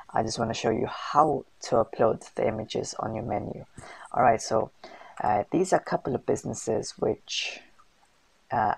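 A man's voice: mid-range voice, gravelly, darkish tone, no room sound, low-quality recording. A man hosting a casual screen-recorded tutorial, chatty and full of fillers and slang. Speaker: host of a food business channel.

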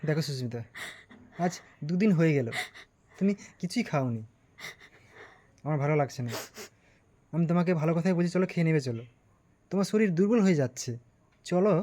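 A man playing a husband who gently reasons with his grieving wife, in an amateur family drama. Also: sits high, animated, rapid-fire, no room sound. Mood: soft, pleading. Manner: coaxing, reasoning.

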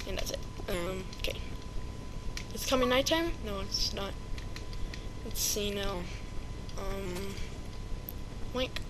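A mid-range female voice, slow and pausing often, set against a noisy background with music. Doing casual let's-play commentary, the gamer chats hesitantly, with frequent ums and playful sound words.

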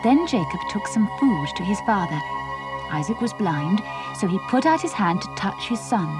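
A woman narrating a children's Bible story in a simple, clear storytelling manner. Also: medium pitch, big pitch swings, normal speed, loud music behind the voice.

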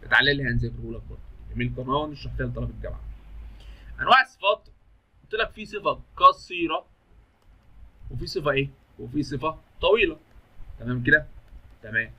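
A young Egyptian man speaks quickly, with a bright, tense, forceful voice. He teaches English grammar in a chatty, joking way and answers his own questions. His voice sits a little high. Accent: Egyptian Arabic. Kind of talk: lively classroom-style grammar lesson.

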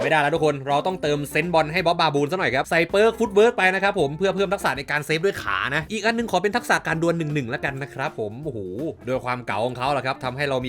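A man giving casual, excitable commentary over his own football video game match. He swears freely, laughs a lot, and shouts at big moments. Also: fairly high pitch. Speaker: gaming YouTuber. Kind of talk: live gameplay commentary.

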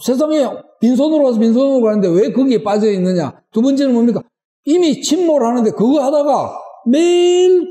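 A man's voice: extremely high pitch, warm tone. A middle-aged male pastor preaching a sermon, driving his points home with rhetorical questions. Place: church sanctuary. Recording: echoey church hall with long reverb.

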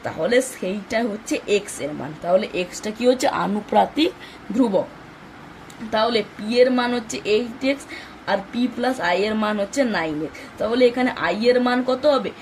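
A woman's voice: mid-range voice, lively intonation, normal speed, slight background noise, poor audio. A woman teaching a math lesson for exams, explaining step by step and answering her own questions. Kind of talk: exam-focused math lesson.

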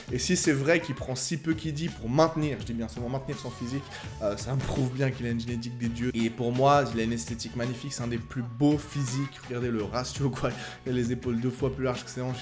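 Male reaction YouTuber, quick ranting delivery, swears freely. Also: medium pitch, fairly even intonation, over music. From France. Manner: angry, ranting, repeats words, swears. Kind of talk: heated reaction commentary.

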